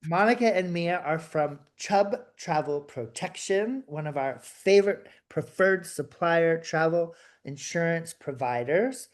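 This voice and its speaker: A playful, excitable man co-hosting an interview over a video call. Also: on the high side, measured pace, hardly any pauses. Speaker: co-host.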